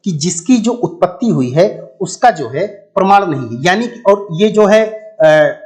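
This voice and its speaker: Male grammar teacher, slightly high voice, patient repetitive explainer, sounds out vowels. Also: expressive, a little slow, a little mellow. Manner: explanatory, addresses viewers as friends, repeats and drills sounds. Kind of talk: exam-prep lesson.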